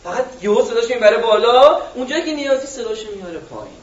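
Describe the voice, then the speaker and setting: High-voiced Iranian man coaching a workshop. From Iran. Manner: animated, swings between loud and soft, quizzes the audience. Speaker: public speaking coach. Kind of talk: live workshop talk. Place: workshop room with an audience. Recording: echoey room, distant and dull.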